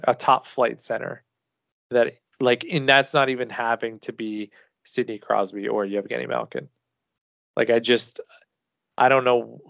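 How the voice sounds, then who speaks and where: This medium-pitched man, whose voice carries vocal fry, is one of the co-hosts of a laid-back hockey podcast. He talks loosely, swears and often restarts. The sound is dull, lo-fi and dry, with no room sound at all.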